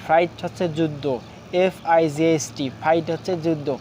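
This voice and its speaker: A man teaching a spoken English lesson, drilling spellings quickly in Bengali and speaking halting English with many fillers. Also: fairly high pitch, flat delivery, darkish tone, slight background noise.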